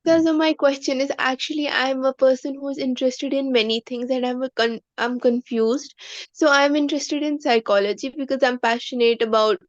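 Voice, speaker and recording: High-voiced Indian teenage student, dull audio. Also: female voice, no echo. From Kashmir, India. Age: late teens. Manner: hesitant, earnest, rambling. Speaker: student asking for advice. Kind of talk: asking a question in an online session. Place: online call. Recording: dry, dull online call audio.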